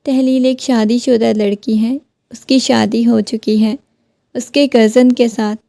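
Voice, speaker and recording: Stern young husband, curt n firm, woman reading his lines, mellow dry voice. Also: on the high side, little pitch movement, creaky, dry recording.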